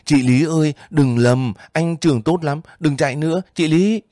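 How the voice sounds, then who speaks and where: A man's voice: medium pitch, lively intonation, normal speed, warm tone, dry recording, pitched above the performer's own voice, lightly acted. An earnest young soldier, feverish and emotional, with a raised pleading voice in a storybook reading, as a male narrator does him. The recording is dry and close.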